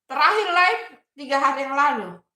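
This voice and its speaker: A woman chatting casually on a live stream, reading viewer comments aloud and gently coaxing them. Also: high voice, big pitch swings, moderate pace, roomy sound. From Indonesia. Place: home kitchen.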